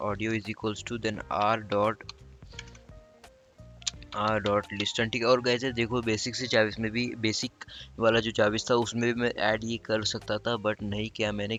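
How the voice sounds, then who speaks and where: A young man with an Indian accent talks through a coding tutorial at his computer, in a fairly low voice. He repeats himself and corrects himself often. Faint music plays underneath. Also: little pitch movement, moderate pace, fairly bright tone. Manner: chatty, repeats itself often, self-correcting. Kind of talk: casual screen-recorded coding walkthrough.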